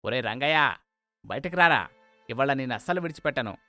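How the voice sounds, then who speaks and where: A man's voice: on the high side, animated, fast, dry recording, faint music behind. A man doing a furious, bigoted village elder. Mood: angry. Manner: shouting, threatening. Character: angry older village man, proud and bigoted.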